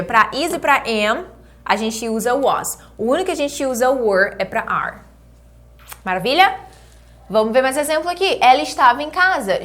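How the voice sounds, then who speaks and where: A woman's voice: a little high, a bit bright. A woman with a Brazilian Portuguese accent teaching an online English grammar lesson, asking the viewer questions and answering them herself. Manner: says English words slowly and clearly.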